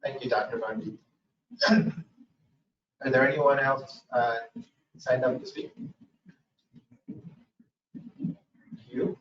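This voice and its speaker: A man chairing a public commission meeting, reading procedural items and pausing often on "uh". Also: medium pitch, steady tone, a bit bright. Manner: procedural, with frequent "uh" pauses. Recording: echoey room, mic far off, dull sound.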